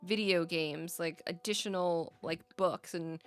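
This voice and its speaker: A woman's voice: on the low side, fairly even intonation, unhurried, faint music behind. A woman chatting casually on a podcast. She rambles, laughs often and keeps asking "right?". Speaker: podcast co-host. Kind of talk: casual chat.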